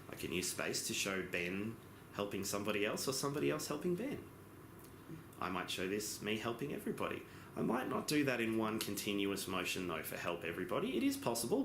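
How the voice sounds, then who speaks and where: Deep-voiced man interpreting simultaneously, echoey room. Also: gravelly. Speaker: interpreter giving voice-over for a sign language lesson. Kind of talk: simultaneous interpretation of a lesson, spoken in phrases. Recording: echoey room with background noise.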